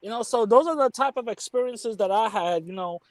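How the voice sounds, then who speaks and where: A man's voice: high-pitched, brisk, no echo, rough recording. Streetwise New York man, dry close sound. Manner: streetwise, candid, frequent restarts. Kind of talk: casual storytelling chat.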